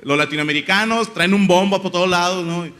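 A young man rambles through a stand-up monologue, crude and full of slang. His voice sits fairly high and sounds bright and forceful. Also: brisk. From Monterrey, Mexico. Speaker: comedian.

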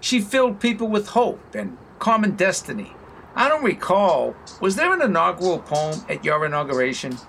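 An earnest male reporter with a Boston accent, played by a man in a comedy press conference. His voice sits high, with faint noise behind it. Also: very animated, moderate pace, creaky, a bit bright, exaggerated voice. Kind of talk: satirical press conference sketch.

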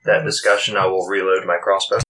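A man taking part as a player in a tabletop game, talking in a relaxed, deliberate way. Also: deep voice, slight background noise, low-quality recording. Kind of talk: casual tabletop play.

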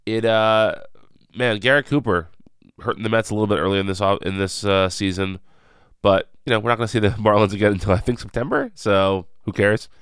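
A man's voice: fairly low pitch, fairly quick, fairly bright tone, clear, resonant tone, dry recording, clean studio sound. A man with a head cold and a nasal voice, hosting a casual solo recap podcast with rambling, self-correcting talk. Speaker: podcast host.

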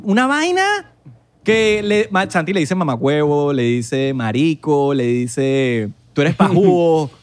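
A man's voice: on the high side, expressive, measured pace. A young man with a Venezuelan accent hosting a casual podcast chat, teasing and full of slang.

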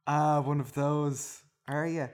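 A man's voice: a little high, little pitch movement, slow pace, a little mellow, clear, resonant tone. A man putting on the voice of a crazed barista who cackles and shrieks. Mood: manic. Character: crazed male barista turning demon.

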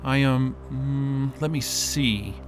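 In a naturalistic audio drama, a man with a natural, medium-pitched voice speaks slowly as a frantic, hot-tempered, impatient stranded man. Puzzled and wary, he is excitable and exasperated, muttering and cursing, with soft music in the background.

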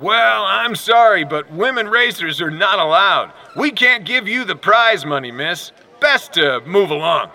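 An actor playing a race announcer calling a motorcycle race in quick commentary, with music behind him. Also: male voice, high voice, lively intonation, sharp tone, full character voice, rough recording. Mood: stern. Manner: fast race-call commentary. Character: excited race announcer and stern official. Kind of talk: audio drama acting.

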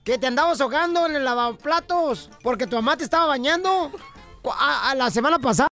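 A man's voice: very high-pitched, animated, sharp tone, soft background music. A man hosting a comedy radio show, trading playful teasing jokes. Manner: teasing, playful, quick insults. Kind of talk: joking comedy banter.

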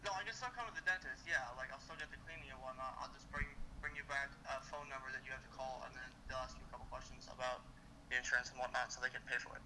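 A man's voice comes through a speakerphone, with steady background noise on the line. He talks very quickly in a casual way, stumbling over his first words and then hurrying through the rest. His voice sits at an ordinary middle pitch. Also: rough recording. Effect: speakerphone call. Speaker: host's son calling in. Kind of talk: casual phone call.

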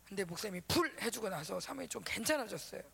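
Woman, pastor's wife, children's sermon; gravelly, lively, acts out every voice. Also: medium pitch, rapid-fire.

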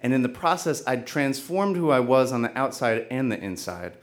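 A man telling a personal story live on stage, earnest and halting, with frequent restarts. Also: mid-range voice, very animated.

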